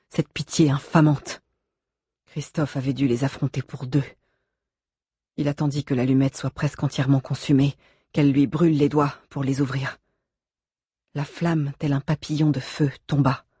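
A narrator reads a novel aloud with measured, suspenseful pacing and a mid-range voice. The tone has a husky grain, recorded close and completely dry. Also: mid-range voice, darkish tone, no room sound. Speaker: audiobook narrator. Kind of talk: dramatic audiobook narration.

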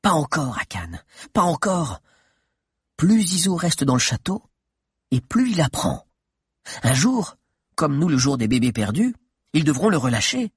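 Storybook role: a man doing a husky, high-pitched, scheming girl advisor, fierce and insistent, swinging widely in pitch. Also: big pitch swings, unhurried, pauses often, no room sound, studio quality, heavily acted. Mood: sly. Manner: urgent, insistent, raised voice.

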